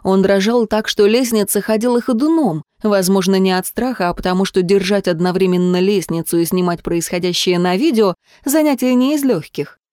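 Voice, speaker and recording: A woman reading a story aloud as an audiobook narrator, in a tense, measured manner. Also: medium pitch, darkish tone, no room sound, studio quality. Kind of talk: scripted narration.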